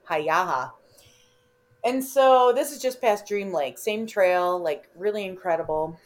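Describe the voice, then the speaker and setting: A woman from Illinois with a Chicago accent, telling an adventure story in a loose, animated chat. She swears freely and keeps breaking into laughter, her voice sitting in a middle pitch. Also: normal speed. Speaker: podcast guest.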